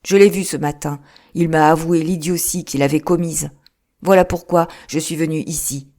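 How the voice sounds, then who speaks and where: A woman voicing a brisk, businesslike male lawyer in an audiobook, quick to take offence. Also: low voice, fairly even intonation, a little mellow. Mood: irritated. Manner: plain, businesslike, quickly irritated. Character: brisk, touchy middle-aged male lawyer. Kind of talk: audiobook character reading.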